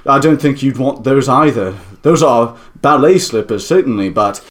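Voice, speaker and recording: An actor playing a soft-spoken shoemaker who answers politely and evasively. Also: male voice, medium pitch, animated, moderate pace, natural voice. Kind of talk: audio drama acting.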